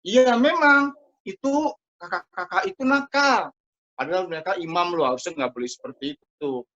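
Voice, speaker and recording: Chatty Sunday school teacher on a video call. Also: male voice, sits high, moderate pace. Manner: lively, chatty, addresses kids directly. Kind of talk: storytelling a Bible lesson for children. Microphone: computer mic over a video call. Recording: muffled lo-fi video call audio.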